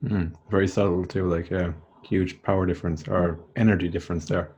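A man hosting a podcast interview, offering short affirmations before quick questions. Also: sits low, steady tone, darkish tone, slightly rough. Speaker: podcast host. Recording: dull lo-fi sound.

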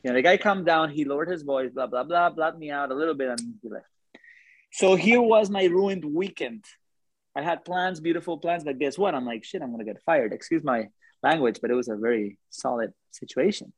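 A man tells a story to a room of listeners, animated and chatty, often asking them questions. His voice sits a bit high for a man and sounds dry and close, with little room sound. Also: normal speed, dry recording. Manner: animated, conversational, asks the audience questions. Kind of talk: live storytelling to an audience.

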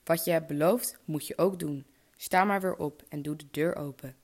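A woman voicing an old king and father in a fairy tale, speaking calmly and firmly. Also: low-pitched, normal speed. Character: stern but gentle old king, a father.

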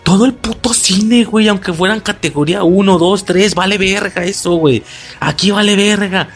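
A young man with a Mexican accent, excitedly retelling a story in slangy, profane casual talk and acting out his own shocked reactions. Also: sits high, moderate pace, slightly rough, faint music behind. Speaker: vlogger.

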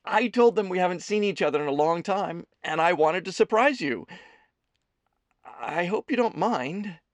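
A man voicing a gentle, shy young man who talks haltingly. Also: high voice, animated, dry recording, pitched above the performer's own voice. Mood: friendly. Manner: hesitant, halting.

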